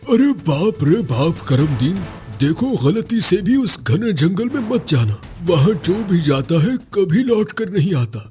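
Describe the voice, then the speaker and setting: A man's voice: a little high, mellow. A man voicing an older village neighbor in a cartoon story, warning urgently and with alarm. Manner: alarmed, cautioning.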